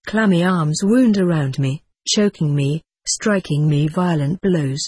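A man's voice: a little high, a little slow, darkish tone, slightly rough, no room sound. A man reading a first-person adventure story aloud with dramatic expression. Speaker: audiobook narrator.

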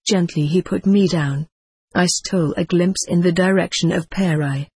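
A man's voice: high voice, steady tone, moderate pace, darkish tone, slightly rough, dry recording. A man reading a first-person adventure story aloud with dramatic expression. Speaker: audiobook narrator.

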